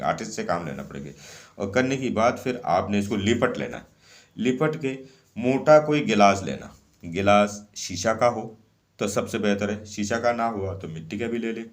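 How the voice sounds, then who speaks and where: Guy with a lowish voice walking you thru ritual steps, says everything twice, keeps saying okay. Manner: repeats each step, often checks with "okay". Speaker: ritual instructor. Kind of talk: casual spoken instruction.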